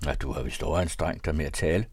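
A man's voice: a bass voice, a little mellow, breathy edge, no echo. A man reading aloud, voicing a cold, formal bearded mayor with curt, dry replies.

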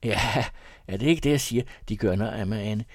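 A man's voice: fairly low pitch, a little mellow, dry recording, natural voice. A man reading an audiobook, voicing an eager young male student who pleads and insists. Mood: pleading.

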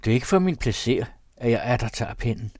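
A man's voice: medium pitch, lively intonation, a little mellow, no echo, clean studio sound. A man reading an old diary aloud in a solemn, mournful manner. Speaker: narrator. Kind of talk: scripted reading of a period diary.

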